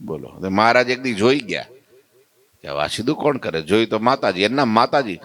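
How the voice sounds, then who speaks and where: A man preaching a devotional story sermon at a temple, narrating animatedly and acting out the characters' dialogue with big rises and drops in pitch. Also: lively intonation, a little fast, fairly bright tone. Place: temple hall.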